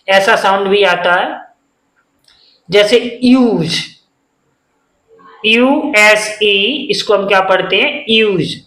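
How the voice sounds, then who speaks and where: A man's voice: high-pitched, fairly bright tone, echoey room, poor audio. A man teaching a beginners' phonics lesson, spelling words letter by letter and answering his own questions.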